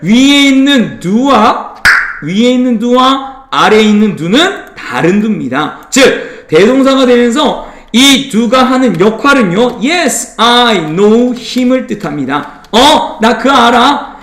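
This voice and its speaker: A man teaching English in a slow, unhurried classroom lecture, his voice pitched high and swinging widely. He keeps checking in with the class and playfully nags students to repeat phrases. The sound carries a roomy classroom echo. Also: expressive, fairly bright tone. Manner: drills pronunciation, teases students. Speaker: middle school English teacher.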